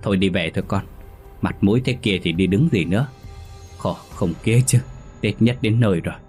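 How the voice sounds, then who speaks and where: A man voicing a distraught elderly mother who frets and scolds her grown son in a high, lamenting voice. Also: a little fast, a little mellow, close to an everyday voice. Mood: weary scolding. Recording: faint music underneath.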